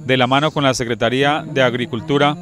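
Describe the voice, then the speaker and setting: A man's voice: medium pitch, steady tone, quick pace, a bit bright. A Colombian man in his forties speaking as a mayor to TV news, in official, list-like oratory, into a handheld microphone outdoors. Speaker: municipal mayor. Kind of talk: formal spoken statement to TV news. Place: outdoors at night near a livestock complex. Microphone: handheld reporter microphone.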